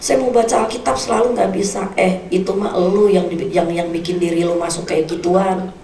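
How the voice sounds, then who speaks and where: A woman's voice: medium pitch, fairly even intonation, brisk, creaky, mellow, slight background noise. A woman in her fifties, an evangelist preaching a sermon with a personal testimony, speaking colloquially and acting out the people she quotes. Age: 50s. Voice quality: slight cough. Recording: echoey hall from a distance, with music. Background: instrumental music.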